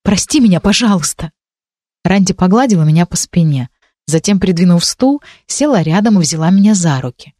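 A woman narrating an audiobook in a measured, expressive way. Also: lowish voice, dry recording, clean studio sound.

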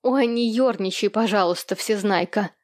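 A woman's voice: mid-range voice, moderate pace, no echo, studio quality, natural voice. A woman voicing a brash, gossipy older sister who mocks and gloats. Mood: irritated. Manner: brash, mocking.

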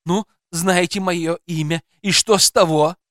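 A man's voice: sits high, fairly even intonation, unhurried, a bit bright, no room sound, clean studio sound. A man reading aloud and voicing a hostile, paranoid gray-haired developer who snarls and barks at intruders. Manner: snarling, barking orders.

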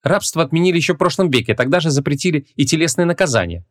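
A feisty young woman, played by a male reader speaks in a raised, lively voice with a tart, impatient edge. She sounds sharp and exasperated, a modern girl in a comic fantasy audiobook. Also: a little high, rapid-fire, no echo, studio quality, voice pushed up, lightly acted.

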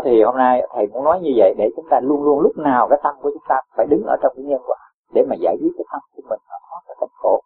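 A Buddhist teacher, gently admonishing a student in a question-and-answer dharma talk and posing rhetorical questions with a chuckle. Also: male voice, on the high side, husky. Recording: tinny lo-fi phone-like sound.

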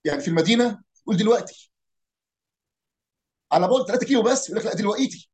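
A man with an Egyptian accent talks through regional dialects in an easy, chatty way. His voice sits high and his delivery is rapid. He keeps asking rhetorical questions and imitating how people in different areas pronounce words. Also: lively intonation, a little mellow, a little hiss or hum. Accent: Egyptian Arabic. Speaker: speaker on Arabic dialects and folk heritage. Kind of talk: casual explanatory talk.

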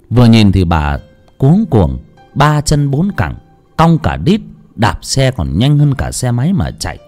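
Man telling a ghost story, deep and mellow. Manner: dramatic, lively storytelling. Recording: music under the voice.

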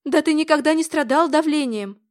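A woman reading an audiobook, voicing a guarded young mother whose voice jumps higher and louder when alarmed. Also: normal speed, close to an everyday voice. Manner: sharp, rising, urgent.

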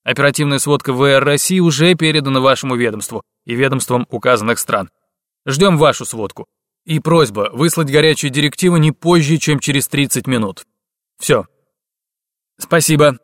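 A man's voice: medium pitch, normal speed, a bit bright, dry recording, lightly acted. Male reader doing a stern, clipped major for an audiobook, close to his own mid voice. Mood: businesslike. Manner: curt and clipped. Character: stern male intelligence major, curt and tense.

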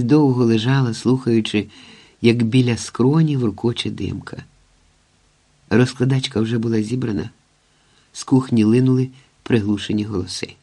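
A man calmly reading a novel aloud as an audiobook narrator. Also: mid-range voice.

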